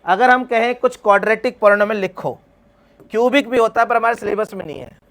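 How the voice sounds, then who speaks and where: Brisk and gravelly yet a bit bright, a high male voice leads a math lecture. He keeps quizzing the class and supplying the answers on his own, calling the students beta as he takes them step by step.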